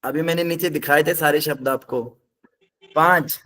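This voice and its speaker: Man, high voice, scripture class teacher, patient step-by-step explaining, quizzes students. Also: steady tone, normal speed, sharp tone.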